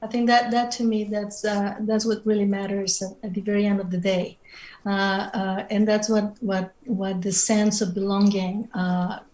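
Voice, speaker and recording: Joining a reflective panel conversation by video call, this middle-aged writer from Mexico speaks with a Mexican Spanish accent, Spanish being her native language. Her mid-range, darkish voice stays level at a normal speed as she thoughtfully searches for words. The audio sounds roomy.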